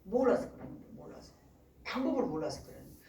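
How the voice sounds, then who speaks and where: Middle-aged woman pastor, lively pitch, acts out voices, roomy church sound from a distance. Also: racing, vocal fry, slight background noise. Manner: animated storytelling, acts out voices. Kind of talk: sermon.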